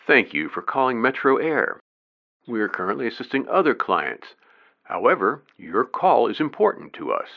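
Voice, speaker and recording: A man's voice: medium pitch, gravelly, muffled recording. A man reading polished, courteous scripted phone-system greetings and menu prompts. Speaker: voice-over announcer.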